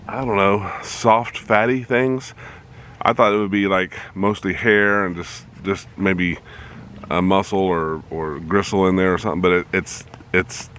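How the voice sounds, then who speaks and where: A man's voice: deep voice, a bit bright, slight background noise. A middle-aged man, a hobby farmer, chatting and joking with viewers and his animals while standing outside by a fence. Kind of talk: casual vlog narration. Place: outdoors by a farm fence.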